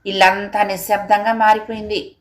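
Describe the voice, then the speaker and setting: Woman narrator, audiobook story reading, steady, expressive. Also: mid-range voice, moderate pace.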